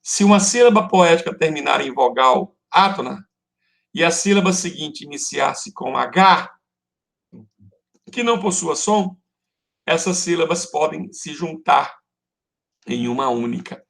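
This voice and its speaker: A man's voice: fairly high pitch, expressive, measured pace, gravelly, long pauses, a bit bright. A male Portuguese teacher with a Brazilian accent giving an online class, explaining patiently step by step and calling his students "love". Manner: affectionate, calls students "love" and "folks".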